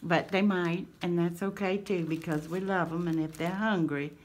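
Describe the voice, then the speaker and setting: A woman's voice: lowish voice, steady tone, normal speed. A woman, chatting casually and affectionately to her craft channel viewers in a folksy drawl. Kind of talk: casual chat to camera.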